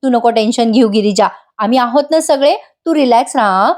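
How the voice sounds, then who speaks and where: A woman voicing a protective young woman who scolds in a sharp tone, in a retold serial scene. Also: a little high, a little fast, close to an everyday voice. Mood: scolding.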